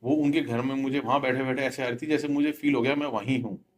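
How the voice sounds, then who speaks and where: A man's voice: medium pitch, fairly even intonation, quick pace. A middle-aged man, earnestly telling a devotional story and mixing in English words. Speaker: devotee sharing his experience. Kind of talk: spoken devotional testimony.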